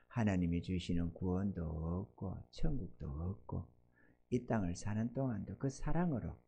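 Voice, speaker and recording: A low-pitched pastor in his sixties, his voice showing vocal fry, preaches a Sunday sermon. He moves between emphatic, loud exhortation and gentle asides, prompting the congregation to say amen.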